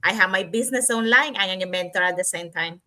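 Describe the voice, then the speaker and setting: Bright, lively woman from Cuba. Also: mid-range voice, fast talker. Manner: animated, searching for words with restarts and "you know". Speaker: panelist, nurse. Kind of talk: panel discussion.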